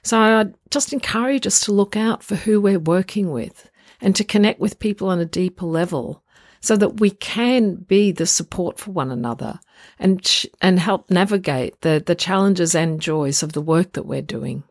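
A woman hosting a solo podcast in an informal, reflective and earnest way, her voice croaky from getting over the flu. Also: on the low side, normal speed, dry recording, studio quality. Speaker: podcast host.

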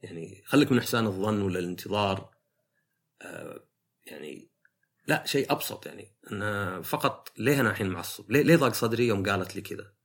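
A man's voice: lowish voice, expressive, fast, slightly rough. A man, a podcast host talking through his ideas in a casual, reflective monologue, thinking aloud with many fillers.

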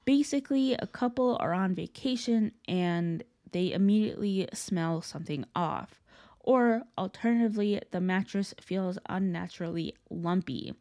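Podcast host, young woman, slightly low and soft-edged mellow voice, informal legend storytelling. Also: moderate pace, hardly any pauses. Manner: conversational, informal asides. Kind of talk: casual storytelling of urban legends.

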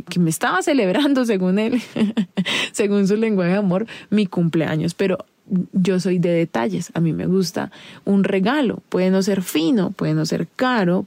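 A woman's voice: fairly low pitch, gravelly, mellow, no echo. A woman hosting a podcast, speaking directly and confidingly to the listener in a casual advice monologue. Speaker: podcast host.

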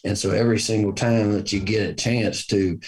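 A man with a Southern US accent talks in a fairly low voice. He is folksy and earnest, spinning stories conversationally and repeating phrases to drive them home. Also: level tone, fairly quick, rough recording. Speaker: hunter in conversation. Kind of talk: casual conversation, storytelling.

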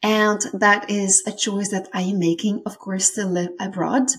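A woman's voice: mid-range voice, flat delivery, a little slow. Lithuanian-accented woman hosting a podcast. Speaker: podcast host. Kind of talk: warm solo podcast talk.

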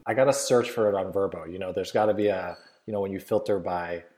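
A man's voice: low-pitched, brisk, dark tone. A man co-hosting a podcast in a casual, laid-back way, recorded in an echoey game room of a vacation house. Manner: laid-back, rambling, with frequent fillers. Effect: echoey room sound. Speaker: podcast co-host. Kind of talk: casual chat.

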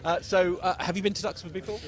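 A man's voice: high-pitched, level tone, fast talker. A man interviewing visitors outdoors at an airfield, chatty and jokey with many hesitant restarts. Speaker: interviewer at an aviation meetup. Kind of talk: casual vox-pop interviews. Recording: outdoor crowd noise. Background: crowd chatter.

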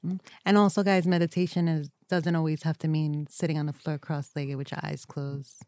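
A woman co-hosting a casual podcast chat, playful and quick to laugh, sharing short motivational quotes. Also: low voice, little pitch movement, dark tone, dry recording. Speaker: podcast co-host.

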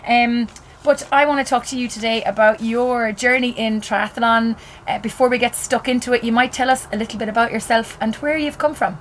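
A woman's voice: on the high side, a little fast, a little hiss or hum. A woman chatting casually as a podcast host, recorded in the back of a van in a parking garage or car park. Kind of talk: casual interview chat.

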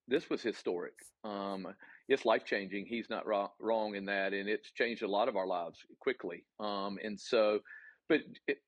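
A man with a Southern US accent, a college golf coach answering interview questions in an earnest, halting way with many ums and restarts. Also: fairly low pitch, no room sound, low-quality recording.

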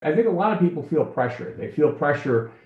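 A man's voice: on the high side, big pitch swings, fairly quick, echoey room, highs cut off. A man hosting an interview, encouraging and asking follow-up questions. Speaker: interview host. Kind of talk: conversational interview.

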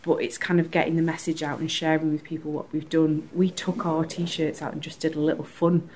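Low-voiced earnest woman. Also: flat delivery, fairly quick, darkish tone. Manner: earnest and enthusiastic, laughs easily. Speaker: community group organiser, guest. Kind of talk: podcast interview conversation.

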